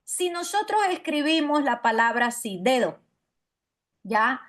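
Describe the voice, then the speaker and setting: A woman teacher giving an online phonetics lecture. She slowly sounds out syllables over and over and keeps checking that students follow. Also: sits high, expressive. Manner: demonstrative, repeats syllables and checks understanding often.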